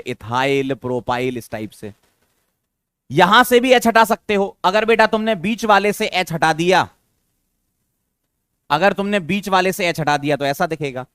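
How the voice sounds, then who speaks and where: A man's voice: sits high, fairly bright tone, clear, resonant tone, dry recording, clean studio sound. A man teaching a chemistry lesson, coaxing his students with questions and repeating the key terms. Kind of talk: classroom lecture.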